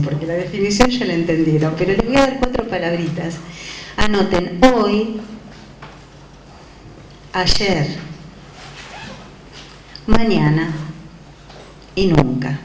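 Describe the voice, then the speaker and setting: Woman, music teacher, lowish voice, questioning lecture manner, echoey room, background noise. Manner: explanatory, frequent questioning tags. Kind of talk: classroom lecture. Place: classroom.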